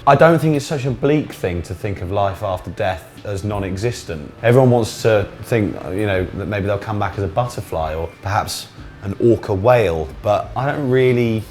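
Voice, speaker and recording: A man's voice: lowish voice, darkish tone, a little hiss or hum. A British man hosting a casual cooking vlog, chatting and swearing jokily as he talks through what he is making. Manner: chatty, sweary, jokey self-commentary. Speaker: cooking show host.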